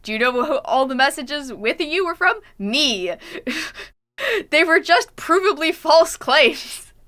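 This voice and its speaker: A young Canadian woman streams a game, chatting casually and reading her journal entries aloud. Her voice sits high and fairly bright, with lively intonation at a measured pace.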